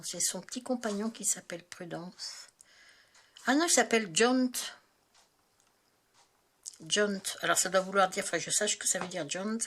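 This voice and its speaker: A woman's voice: mid-range voice, a little hiss or hum. A woman hosting a tarot video, chatting casually and hesitantly, searching aloud and restarting her sentences. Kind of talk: casual spoken deck review.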